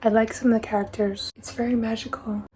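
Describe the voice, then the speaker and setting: A woman's voice: fairly high pitch, little pitch movement, fast, a little mellow, slight background noise, low-quality recording. A young woman chatting frankly in a casual vlog, often dropping into a half-whisper. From Australia. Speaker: vlogger.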